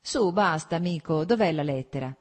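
A brisk young officer, curt and impatient with a friend who drags things out, as a woman narrator puts him on. The voice is somewhat raised and a little husky. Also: low-pitched, animated.

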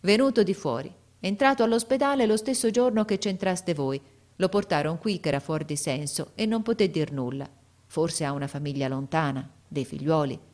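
A woman's voice: on the low side, moderate pace, a little mellow, close to an everyday voice. Brief: woman reader as a grave male hospital assistant, explanatory. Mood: explaining.

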